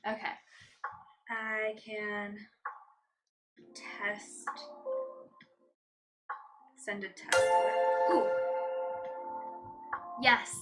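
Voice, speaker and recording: A woman's voice: medium pitch, level tone, very slow, long pauses. A woman livestreaming in a casual, chatty way, cooing and doting as she talks to her cats. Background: faint background music.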